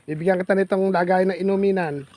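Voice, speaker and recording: A man's voice: high voice, steady tone, quick pace, warm tone. A man vlogging outdoors in farm fields, chatting with a child in a playful, teasing, coaxing way. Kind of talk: casual teasing chat with a child.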